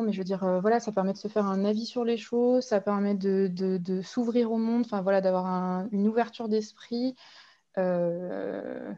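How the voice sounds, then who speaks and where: On a muffled video call mic, a woman with a medium-pitched, dark-toned voice answers questions at an online press conference. She's a guest artist, and her replies are hesitant, full of fillers and restarts.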